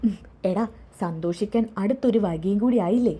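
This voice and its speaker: A woman's voice: medium pitch, normal speed, mellow, husky, lightly acted. A woman voicing a scheming middle-aged mother who gloats and plots with her son. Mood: gloating. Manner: gloating, conspiratorial.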